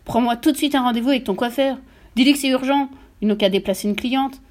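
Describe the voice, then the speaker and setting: A blustering, dim-witted father who bellows and swears at his family, as a woman reading an audiobook puts him on. He is loud and vain, and his raised, shouting voice stays above the reader's own. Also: fairly high pitch, fast, close to an everyday voice. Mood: panicked.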